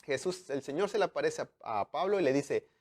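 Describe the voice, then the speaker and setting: A man, preaching a sermon in an animated way, acting out dialogue and swinging from loud to hushed. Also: a little high, fairly quick. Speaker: pastor.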